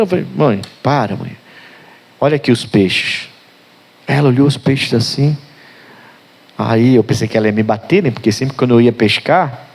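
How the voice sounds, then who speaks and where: A middle-aged male pastor preaching a sermon, telling a story from his youth, swinging from hushed and tender to loud and fiery, talking straight to his listeners. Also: mid-range voice, breathy edge.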